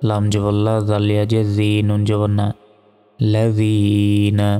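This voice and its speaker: A man teaching Quran reading, slowly spelling out Arabic letter by letter and reciting the verses in a drawn-out, melodic way. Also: on the low side, completely flat delivery, dark tone, smooth, big-room sound, faint music behind.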